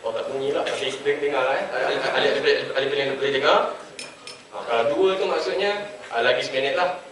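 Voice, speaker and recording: A man's voice: mid-range voice, fast talker, far from the mic, a crowd in the background. A young man from Penang with a Penang Malay accent moderating a student forum, hesitant with many fillers and light jokes. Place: large echoing hall. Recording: echoey hall, voice from afar.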